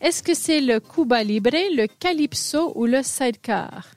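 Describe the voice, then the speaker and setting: Radio lady running a cocktail quiz, bit high pitched, talks a lot, laughs easy. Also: expressive, unhurried, darkish tone, soft background music. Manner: chatty, explains at length, laughs easily. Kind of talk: casual radio chat.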